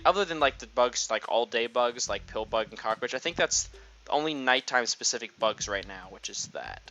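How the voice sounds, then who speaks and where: A man's voice: mid-range voice, pushed and bright. A man giving casual, chatty gameplay commentary, thinking aloud. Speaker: gaming video creator. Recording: slightly muffled lo-fi recording.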